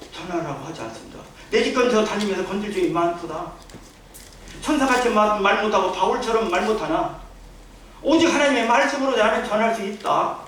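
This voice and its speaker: A man's voice: high voice, a bit bright. A male pastor preaching a sermon, telling a story and asking rhetorical questions. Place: church sanctuary. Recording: echoey church hall, distant mic, faint hiss.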